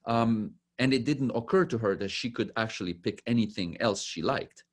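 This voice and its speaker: Italian-born male pianist telling stories. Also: moderate pace. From Italy. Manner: warm storytelling, acts out quoted lines in a higher voice. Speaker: pianist and professor, guest. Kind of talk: casual interview chat.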